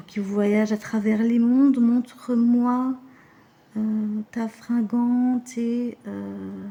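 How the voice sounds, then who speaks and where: A woman's voice: medium pitch, gravelly, dark tone, echoey room. A woman giving a casual card-reading guidance, chatty and hesitant with many fillers and self-corrections. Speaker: animal communication card reader.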